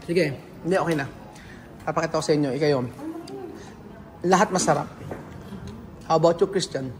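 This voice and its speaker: A man's voice: a little high, moderate pace, in a large hall, noisy background. A man from the Philippines chatting casually in a food vlog, switching between languages and laughing as he tastes dishes at a restaurant. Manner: mixes Tagalog and English, laughs a lot while tasting. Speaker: food vlogger. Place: restaurant at a shared meal.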